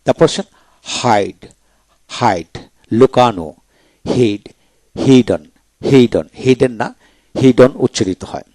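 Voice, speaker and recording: A man from Bangladesh teaching English pronunciation in a video lecture, repeating each word slowly several times. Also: mid-range voice, darkish tone, no room sound.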